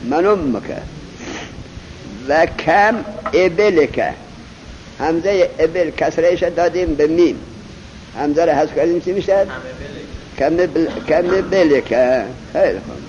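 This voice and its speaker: A man's voice: on the high side, animated, mellow. Muffled recording of a man teaching a grammar class. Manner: drills students with questions, slow emphatic recitation. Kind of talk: classroom lesson on Arabic grammar. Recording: muffled lo-fi recording with faint hiss.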